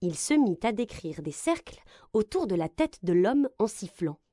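With expressive, gentle narration, a woman reads a children's story aloud at a moderate pace, her pitch rising and falling a lot. The audio is dry and close, with no room echo.

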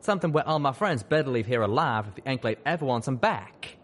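Brief: wry, folksy young pegasus stallion, voiced by a man, drawled slang, lively delivery. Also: medium pitch, quick pace, voice pushed up. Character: young male pegasus pony, folksy wisecracking friend.

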